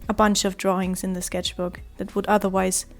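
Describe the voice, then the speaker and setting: A woman with a cold talks casually while she draws, her voice hoarse and raspy, quiet and monotone, sometimes dropping to a soft murmur. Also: mid-range voice, a little fast, faint music behind. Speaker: art vlogger. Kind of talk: casual talk while drawing.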